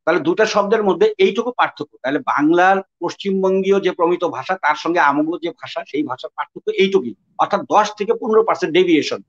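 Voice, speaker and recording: A man with a Dhaka Bengali accent talks through ideas in an interview, circling and pausing with fillers as he hunts for words. His voice sits fairly high. The recording sounds a bit dull and muffled. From Bangladesh. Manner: discursive, searching for words with many fillers. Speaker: interviewee, writer. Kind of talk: reflective interview talk.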